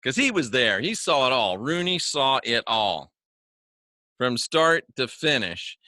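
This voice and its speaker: A folksy man hosts a casual religious talk from his home studio, joking with viewers and repeating words for emphasis. His voice is bright and forceful, and the room sounds dry and close. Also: mid-range voice, big pitch swings, measured pace, dry recording. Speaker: online religious talk host. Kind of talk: casual spoken monologue to viewers. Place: home studio he calls the bunker.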